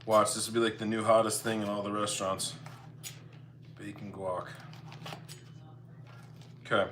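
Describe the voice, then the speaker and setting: A man cooking at home chats casually with viewers of his live stream, thinking out loud. He has a lowish voice, a flat delivery and a measured pace, and the clatter of dishes and cutlery is clearly audible behind him.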